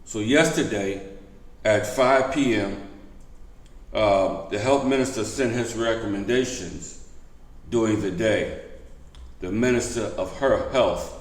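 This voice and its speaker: A man presents a casual update as a vlog host. His voice is on the low side and he stresses his points by repeating them. The sound has a clear room echo. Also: slow, pauses often. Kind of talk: casual news update to camera. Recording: echoey room.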